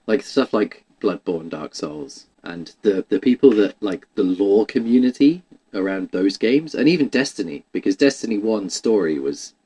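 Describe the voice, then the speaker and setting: A man's voice: on the low side, expressive, normal speed, hardly any pauses, dark tone, breathy edge, poor audio. A man chatting casually about video games, rambling and restarting his sentences with lots of "like". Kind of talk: casual chat.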